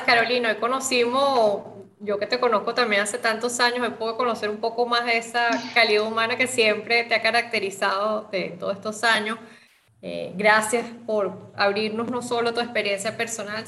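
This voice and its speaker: A woman's voice: medium pitch, sharp tone, roomy sound, slight background noise. A woman hosting an interview, asking long questions and thanking her guest with effusive praise.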